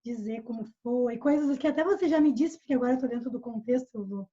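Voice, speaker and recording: Brazilian female English tutor, high mellow voice, patient, muffled call audio. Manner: patient, explains slowly and repeats examples. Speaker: English teacher. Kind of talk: online English lesson. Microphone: video call.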